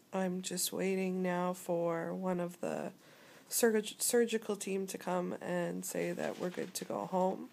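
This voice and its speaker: A young woman speaks casually from a hospital bed, tired and weak after surgery. Her delivery is slow and low in energy, with plenty of vocal fry. She is recorded on a handheld phone, with faint noise in the room. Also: a little mellow. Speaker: vlogger. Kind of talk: casual video update. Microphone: phone at arm's length.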